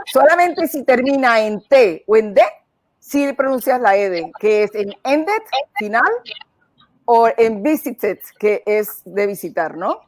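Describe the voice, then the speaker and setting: A woman's voice: a little high, expressive, takes it slowly, no room sound. A woman, a guest in an interview, explaining and laughing as she recounts stories. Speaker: guest, coach and former English teacher. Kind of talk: casual interview chat.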